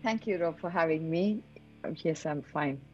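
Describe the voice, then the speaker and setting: Woman from sri lanka, very low mellow voice, soft and thoughtful, slightly muffled lo-fi sound. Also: faint music behind. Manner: soft-spoken, reflective, measured. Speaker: guest, leadership coach. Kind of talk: interview answers, personal story.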